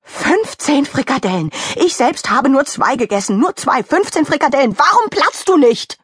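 A woman voicing an angry young female friend who scolds and shouts in a children's audiobook. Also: sits high, very animated, moderate pace, dry recording, clean studio sound, pitched above the performer's own voice. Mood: furious scolding.

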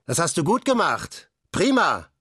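A man's voice: mid-range voice, lively intonation, unhurried, a bit bright, husky, dry recording, clean studio sound. A man voicing a bossy boy from a children's gang who cheers his friend on and snaps rudely at his sister, in a storybook reading. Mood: eager cheering. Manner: cheering, then hissing insults.

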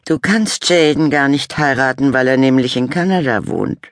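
A woman's voice: extremely low pitch, normal speed, dry recording, studio quality, pitched above the performer's own voice. A woman voicing a stubborn boy of about ten who answers in a matter-of-fact, contrary way.

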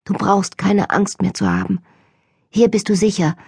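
A soft, passionate young lady, read by a woman. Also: mid-range voice, very animated, normal speed, vocal fry, slightly rough, no room sound, clean studio sound, full character voice. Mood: gentle, soothing.

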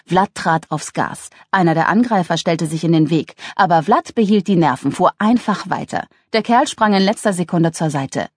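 A woman narrating a humorous novel with a lively, ironic delivery. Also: slightly rough, no room sound, clean studio sound. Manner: lively, ironic, voices characters with raised pitch. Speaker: audiobook narrator.

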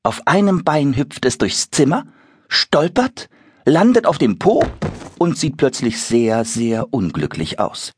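A man narrating a children's audiobook with expressive storytelling. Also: medium pitch, takes it slowly, slightly rough.

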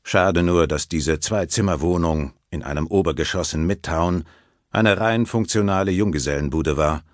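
A man narrating an audiobook in an expressive, varied reading on a close studio mic. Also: deep voice, moderate pace, dry recording. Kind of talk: scripted narration.

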